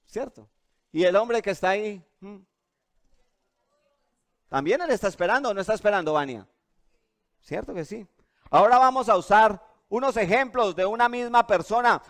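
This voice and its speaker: A man preaching a sermon as pastor, questioning his listeners over and over in an animated way. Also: sits high. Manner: animated and questioning, asks the audience often.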